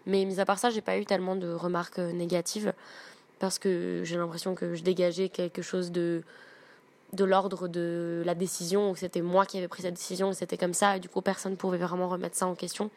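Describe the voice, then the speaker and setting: A woman's voice: lowish voice, flat delivery, fairly quick, a little mellow. A woman giving a personal testimony on a podcast in a hesitant way, with many fillers and restarts.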